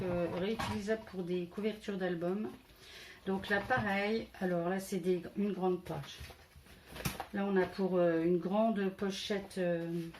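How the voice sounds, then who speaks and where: Over a noisy background, a French scrapbooking vlogger with a mid-range voice presents her haul casually. She counts her items aloud while showing them, hesitating often and filling pauses.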